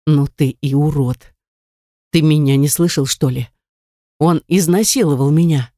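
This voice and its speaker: A woman voicing a hurt, defiant young woman who hisses and shouts back, in an audiobook reading. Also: deep voice, measured pace, no echo, clean studio sound.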